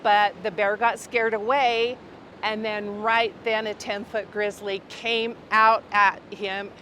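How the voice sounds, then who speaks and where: Woman interviewee, slow earnest delivery, faint background noise. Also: medium pitch, flat delivery, fairly bright tone. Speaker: victim's sister, interviewee. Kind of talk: casual interview.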